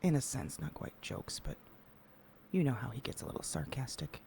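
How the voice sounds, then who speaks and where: A man in an in-character roleplay conversation, speaking in a measured way and sometimes dropping to a hushed whisper. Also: medium pitch, expressive, creaky, a little hiss or hum. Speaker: roleplay player.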